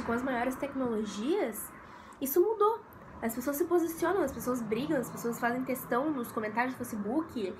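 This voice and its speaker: A young Brazilian woman talks through an exam essay in a casual, chatty lesson, her slightly high voice hoarse from a cold. She leans on fillers as she goes. Traffic noise from the street carries clearly into the room. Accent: Brazilian Portuguese. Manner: chatty, many fillers like "é" and "sabe". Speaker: essay tutor. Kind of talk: casual vlog-style lesson. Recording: noisy room with street sounds.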